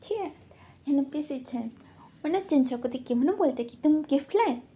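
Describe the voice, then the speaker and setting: A woman narrates a story recap in a relaxed, rambling way, leaning on repeated fillers. Her voice is high but dark and mellow rather than bright. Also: normal speed.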